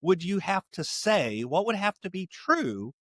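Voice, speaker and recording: Animated storytelling man, dry close sound. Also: high-pitched, a little slow, no room sound. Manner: storytelling, animated voices for quoted people. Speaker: podcast host and calling coach. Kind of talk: conversational interview.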